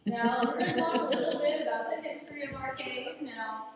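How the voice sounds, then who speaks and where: High-voiced American woman guide, cave echo. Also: brisk, background noise. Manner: addresses the group with questions. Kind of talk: scripted tour narration with audience questions. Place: inside a cave on a vehicle tour. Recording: echoing cave, distant voice, people around.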